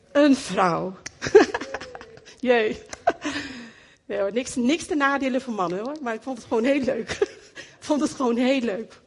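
Animated woman preaching in an echoey hall. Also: sits high. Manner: animated, repeats phrases for emphasis. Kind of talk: sermon. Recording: echoey hall, long reverb.

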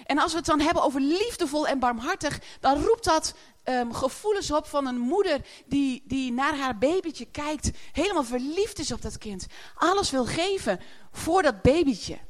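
A woman's voice: high-pitched, expressive, normal speed. A woman preaching a sermon in a chatty way, often laughing as she speaks to the congregation.

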